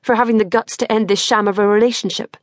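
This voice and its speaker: A woman's voice: mid-range voice, steady tone, fast, no echo, studio quality, natural voice. A woman voicing an exasperated, blunt young mother who swears freely, in an audiobook.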